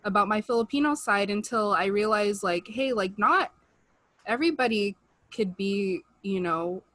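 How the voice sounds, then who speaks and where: Joining by video call from her room at home, a young US podcast co-host chats earnestly, her feeling building as she peppers her speech with "like" and "you know." Her mid-range, slightly bright voice has lively intonation and a moderate pace, and the webcam-mic recording is dry.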